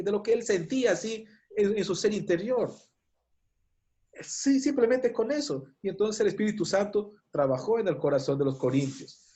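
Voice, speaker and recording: A man's voice: sits high, darkish tone, muffled recording. A man with a Peruvian Spanish accent preaching a sermon, telling biblical stories fervently with frequent stumbles and restarts. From Peru.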